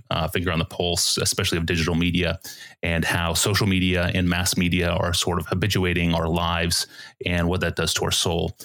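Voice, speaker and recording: A man speaking as a guest on a podcast interview, relaxed and thoughtful, with many small fillers as he talks. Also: sits low. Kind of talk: casual interview talk.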